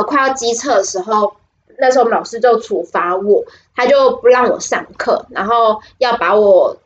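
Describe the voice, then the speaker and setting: The audio loses its highs as a young woman with a slightly high voice and a Taiwanese Mandarin accent co-hosts a podcast. She chats casually, giggling and rambling through her stories while restarting often.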